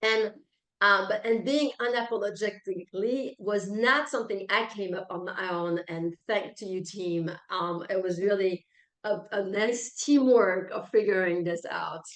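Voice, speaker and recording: In an echoey, roomy recording, a Frenchwoman who is a coach, author and keynote speaker answers an interviewer with emphatic self-assurance. She's a native French speaker with a French accent and an unhurried, mid-range voice.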